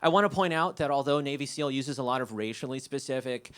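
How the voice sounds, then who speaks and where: Young man, live stage storytelling, wry, animated, bright voice. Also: mid-range voice, quick pace, smooth. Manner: wry, animated, often laughing. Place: theater stage.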